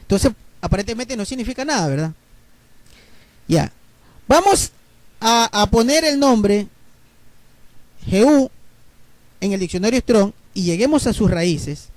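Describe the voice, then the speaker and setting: A man preaching a Bible teaching sermon, explaining word roots slowly and checking in with his listeners. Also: high voice, lively intonation, no echo. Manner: explains slowly, spells letters out, asks listeners ¿verdad?.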